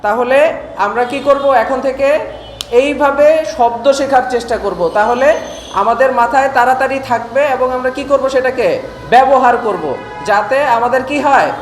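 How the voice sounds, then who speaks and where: A man teaching an English class, drilling his pupils with questions and repetition and patiently explaining pronunciation step by step. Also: very high-pitched. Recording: echoey hall with faint noise.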